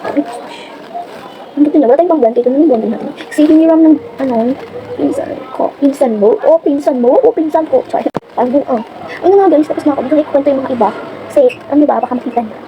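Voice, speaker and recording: A Filipino woman with a high voice chats quickly and rambles through a get-ready-with-me vlog. Clear background noise fills the room behind her. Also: highs cut off. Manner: chatty, rambling, many fillers. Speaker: vlogger. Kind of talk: casual get-ready-with-me chat.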